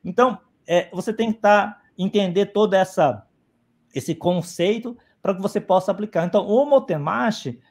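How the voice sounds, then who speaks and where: A man's voice: high-pitched, normal speed, darkish tone. A man speaking as a guest on a live stream, explaining at length and often adding "né?" and restarting his sentences, over a video call microphone. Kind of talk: explanatory talk.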